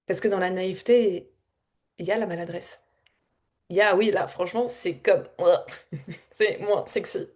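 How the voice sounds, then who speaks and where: A woman's voice: fairly low pitch, unhurried, long pauses. Emotional, meandering woman spiritual coach. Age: adult with a child. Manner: meandering, warm-hearted and emotional, often laughing and repeating words. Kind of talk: casual spontaneous reflective talk.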